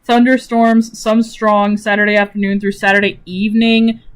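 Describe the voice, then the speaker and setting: A young woman streamer chatting casually about her characters, animated, swearing freely and laughing often. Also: mid-range voice, moderate pace, clean tone.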